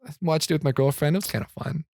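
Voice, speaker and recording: A man's voice: fairly high pitch, fairly even intonation, racing, noisy background. A young man co-hosting a podcast, chatting casually and joking around. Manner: joking, laughs often. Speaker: podcast co-host. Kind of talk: casual chat.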